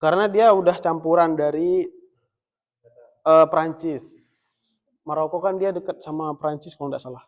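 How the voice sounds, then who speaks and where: Joking male teacher, slightly high voice. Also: moderate pace, pauses often, dull audio. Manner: relaxed, joking, chuckles often. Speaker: Islamic teacher teaching Arabic. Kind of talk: casual classroom lesson. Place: mosque study room.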